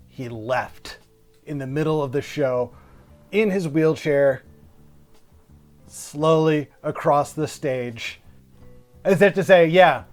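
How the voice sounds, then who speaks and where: Wry self-deprecating comedian, higher voice. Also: male voice. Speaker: stand-up comedian. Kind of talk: comic storytelling monologue.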